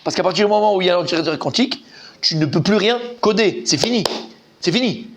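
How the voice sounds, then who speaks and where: Animated rabbi teaching. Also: male voice, sits high, quick pace, a little hiss or hum. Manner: lively, animated, asks students questions, repeats himself. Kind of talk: informal Talmud class.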